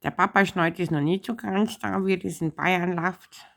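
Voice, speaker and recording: A woman's voice: fairly low pitch, normal speed, gravelly, a bit bright. A woman with a Bavarian accent hosting a casual comedic chat, bossy and teasing as she corrects someone. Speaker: show host teaching Bavarian.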